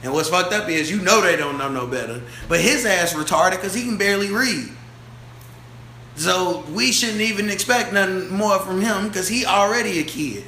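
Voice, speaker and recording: Animated young man, bright echoey voice. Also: high voice, normal speed. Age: 20s. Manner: animated, profane, slangy storytelling. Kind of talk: casual podcast chat. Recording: echoey room with faint ambient noise.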